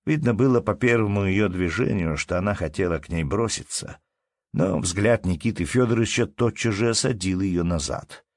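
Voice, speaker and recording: A man narrating a classic story as an audiobook reader in a steady, measured way. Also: low voice, no echo, clean studio sound. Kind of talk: literary narration.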